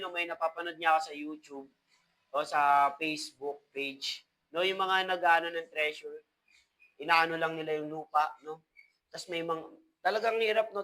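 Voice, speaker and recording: A young man with a Filipino accent preaches a devotional teaching in a loose, conversational way. His voice sits high and sounds bright and forward, and he keeps checking in with his listeners. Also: rough recording. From Philippines. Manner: mixes Tagalog and English, frequent "po" and "no?".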